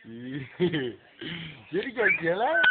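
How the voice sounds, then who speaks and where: A playful older sibling coaxes and teases a small child, voice rising and falling in lively swings while the words come slowly. The sound is thin and phone-like, recorded indoors at home with clear chatter in the background. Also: medium pitch, heavy background noise. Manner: coaxing and teasing, playful questions. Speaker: older sibling filming a little sister. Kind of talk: casual home video, talking to a small child.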